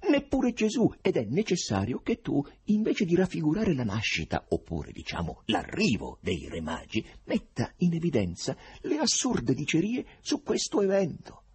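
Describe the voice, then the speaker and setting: A man's voice: fairly high pitch, darkish tone, slightly rough, voice pushed up, full character voice. A man voicing a self-assured editor who lectures a younger poet, in a radio reading of a novel. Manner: didactic, explaining.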